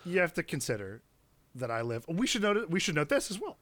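A man's voice: a little high, sing-song, a little fast, a bit bright, no room sound. A young man from Central California, co-hosting a podcast in laid-back, amused chat. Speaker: podcast co-host. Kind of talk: casual chat.

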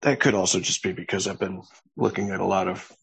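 A man's voice: sits low, fast, creaky, slightly rough, poor audio. A man in a casual chat, throwing in offhand, rambling asides.

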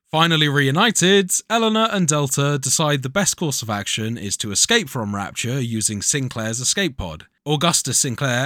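A man's voice: mid-range voice, fairly bright tone, dry recording, clean studio sound. A man co-hosting a casual podcast about video games, laid-back and laughing often as he recaps a story. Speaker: podcast co-host.

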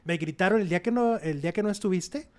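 A man with a Mexican accent co-hosting an entertainment show, chatting about celebrity gossip in an animated, dramatic way. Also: high-pitched, quick pace. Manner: animated, dramatic, acts out quotes with exclamations. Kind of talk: casual gossip chat.

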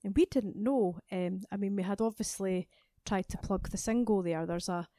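A woman's voice: mid-range voice, normal speed, mellow, dry recording. A woman, a singer in a band, talking as a guest in a studio podcast interview in a friendly, storytelling way. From Scotland. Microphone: studio microphone.

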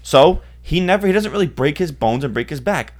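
A man's voice: on the high side, expressive. A man with a New York accent co-hosting a casual podcast, teasing and playful. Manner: teasing, playful, drawn-out delivery. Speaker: podcast co-host. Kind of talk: casual chat.

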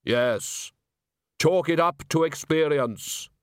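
Death, slow and deep, as a man puts him on. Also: no room sound. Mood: solemn. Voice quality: deep, slow and dry-humored. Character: Death, solemn unhurried male bass.

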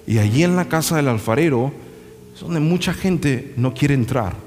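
A man's voice: mid-range voice, expressive, normal speed, a little mellow. A male pastor preaching a sermon, moving between impassioned emphatic lines and folksy storytelling asides. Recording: reverberant hall with faint music.

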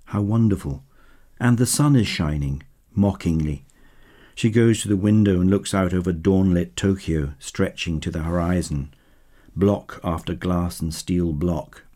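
Male audiobook narrator, deep and warm, wry delivery. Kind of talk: scripted narration of a short story.

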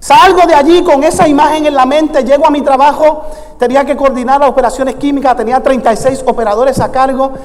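A man, a pastor preaching a sermon full of storytelling that rises into fervent, shouted exhortation. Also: very high voice, fairly even intonation, a little fast. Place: church sanctuary. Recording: long church reverb.

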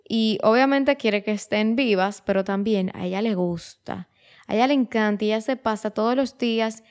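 A woman of twenty-three talking casually and reflectively as host of her own show, chatty, often restarting her phrases and dropping in English words. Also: medium pitch. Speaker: podcast host.

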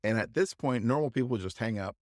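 A man co-hosting a podcast, telling a casual, halting anecdote full of restarts and asides. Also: medium pitch, lively intonation, no echo, studio quality. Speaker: podcast co-host. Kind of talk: casual storytelling chat.

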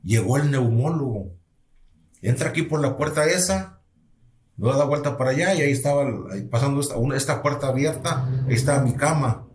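A male pastor tells his personal testimony in an earnest, halting way, often restarting his sentences. His voice sits at an ordinary middle pitch for a man. The recording has a noticeable roomy echo. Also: lively intonation, darkish tone. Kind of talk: personal testimony told to a listener.

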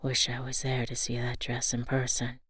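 A woman voicing an affectionate, soft-spoken young father with a hushed delivery in an audio story. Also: fairly even intonation, measured pace, slightly rough, no room sound, studio quality, heavily acted. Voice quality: hushed, low.

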